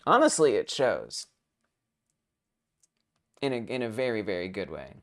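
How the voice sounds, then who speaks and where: A young adult woman hosting a game jam stream, chatting casually in an excitable, self-mocking way. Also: very deep voice, unhurried. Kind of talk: casual live-stream chat.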